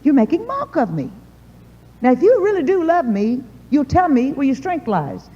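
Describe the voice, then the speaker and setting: A woman voicing a wheedling young temptress who pleads in a sweet, drawn-out way, heard on a dull old tape from a big hall. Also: high voice, very animated, dark tone, pitched above the performer's own voice. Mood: reproachful.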